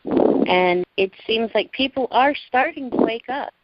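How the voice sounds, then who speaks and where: A woman in her forties speaks earnestly and a little haltingly on a conference call. Her voice is mid-pitched and dry, and the line sounds dull and muffled. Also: no echo. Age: 40s. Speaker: caller, prepping group organizer. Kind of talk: casual conference call chat.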